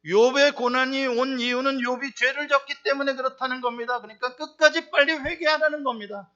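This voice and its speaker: A man pastor delivers a sermon in a very high, bright voice. He drives his points home with rhetorical questions and swings from loud bursts to quiet asides. The recording is dull and lo-fi. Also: fairly even intonation, brisk.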